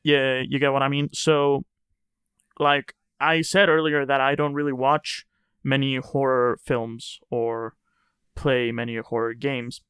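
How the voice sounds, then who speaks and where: A man speaks slowly in a smooth, resonant voice with a dry, close sound. He muses aloud in a casual chat, leaning on fillers like "like". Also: mid-range voice, little pitch movement, a bit bright, dry recording. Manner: rambling, filler-heavy, reflective. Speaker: conversation guest. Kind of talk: casual conversation.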